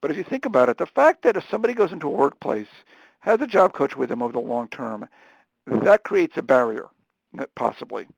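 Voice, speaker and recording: A man delivers a webinar lecture at a rapid, animated clip, often restarting his sentences mid-thought. His voice is gravelly and sits at an ordinary pitch. The sound is dry and close, with no room echo. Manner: fast-talking, animated, with frequent restarts. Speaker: webinar presenter on supported employment.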